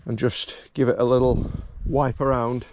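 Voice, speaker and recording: A middle-aged boat mechanic from Wales talks through an outboard service with chatty, dry humor in a medium-pitched, level, darkish voice at a moderate pace. It's hands-on how-to vlog narration recorded outdoors beside a boat trailer near grassy dunes on a head-mounted camera mic, so the audio is noisy.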